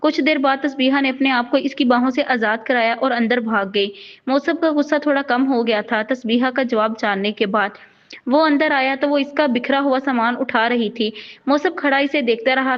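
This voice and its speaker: A woman reads a romantic novel aloud in a steady, even manner. Her voice sits high. The recording is dull and lo-fi. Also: moderate pace. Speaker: narrator. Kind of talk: storybook novel narration.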